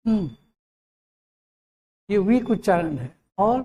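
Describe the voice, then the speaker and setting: A grammar teacher explaining a lesson who asks and answers their own questions, checks whether the class has understood, and says English examples slowly. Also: medium pitch, very animated, warm tone, slight background noise.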